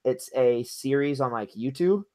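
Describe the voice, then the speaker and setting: A man's voice: medium pitch, lively intonation, a little slow, mellow, dry recording, studio quality. A young man co-hosting a podcast, talking in an eager, rambling way about his favorites. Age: young adult. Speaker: podcast co-host. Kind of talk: casual chat.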